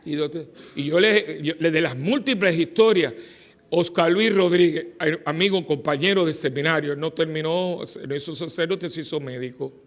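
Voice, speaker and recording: A middle-aged male priest giving a lively sermon, swinging from loud exclamations to soft confiding asides. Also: fairly high pitch, normal speed.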